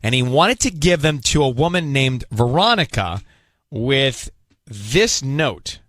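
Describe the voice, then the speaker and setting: A male radio host running a call-in segment, pressing a caller with calm, firm questions. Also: mid-range voice, slow pace, dry recording.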